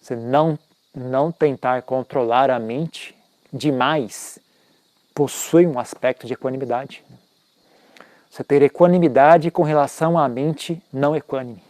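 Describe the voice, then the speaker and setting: Man, Buddhist teacher, relaxed conversational talk, dark soft voice, dry close sound. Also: mid-range voice, a little slow, dry recording. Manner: conversational, frequent tag questions, self-mocking asides. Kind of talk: informal dharma talk.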